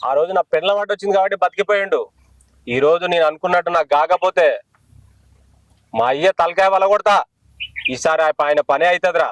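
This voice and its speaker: A man's voice: fairly high pitch, a bit bright, natural voice, low-quality recording. An actor playing an angry young son with a Telangana Telugu accent who threatens his father to sell the land. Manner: aggressive, threatening. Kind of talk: village short film acting.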